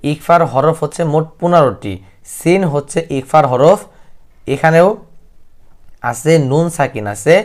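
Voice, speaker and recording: A man teaching Quran recitation rules in Bengali, explaining plainly and then reciting verses slowly and drawn out. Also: fairly high pitch. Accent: Bangladeshi Bengali. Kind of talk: tajweed lesson, alternating explanation and slow recitation.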